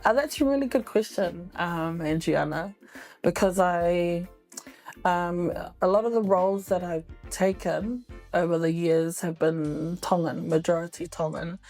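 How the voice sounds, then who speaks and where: A middle-aged woman from New Zealand, an actress, answering interview questions in a relaxed way with many fillers and restarts. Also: fairly low pitch, measured pace, faint music behind.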